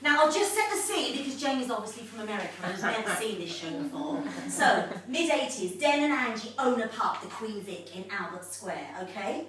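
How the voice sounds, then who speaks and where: A starstruck, theatrical would-be actress, played by a woman with a high, animated voice. She talks chattily to a live audience. The recording is roomy and far from the mic. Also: brisk, hardly any pauses, a crowd in the background. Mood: chatty. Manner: chatty, theatrical, laughs often. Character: starstruck would-be actress hosting her own evening. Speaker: solo comic performer. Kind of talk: live comic monologue. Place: home living room with audience. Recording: echoey room, mic far off.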